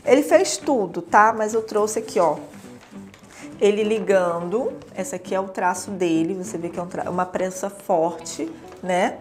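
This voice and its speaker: A woman's voice: medium pitch, moderate pace, soft background music. A young adult woman with a Brazilian Portuguese accent explains teaching materials in a casual, chatty way, often checking in with tag questions.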